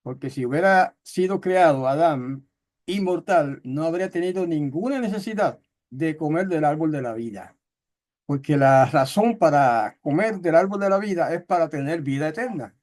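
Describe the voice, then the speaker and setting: A man teaching a Bible study, explaining words step by step and slowly reading out text in another tongue, with many fillers and checks on his listeners. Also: on the high side, darkish tone. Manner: slow, careful reading of Hebrew text.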